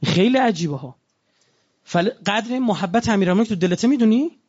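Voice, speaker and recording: High-voiced male preacher, lo-fi. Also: expressive, a little mellow, breathy edge. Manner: conversational preaching with rhetorical questions. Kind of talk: religious sermon.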